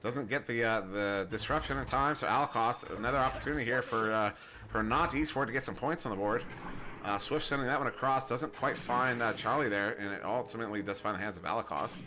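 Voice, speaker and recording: A man's voice: medium pitch, brisk, noisy background. A young American man doing casual play-by-play commentary on an esports match, rambling and self-deprecating, often chuckling. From United States. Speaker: esports caster.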